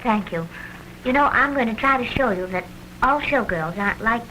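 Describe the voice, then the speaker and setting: A woman's voice: on the high side, expressive, normal speed, bright, forceful tone. An actress in an early talkie film playing an anxious, devoted young showgirl sweetheart with a melodramatic delivery, on a crackly, humming soundtrack. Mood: polite.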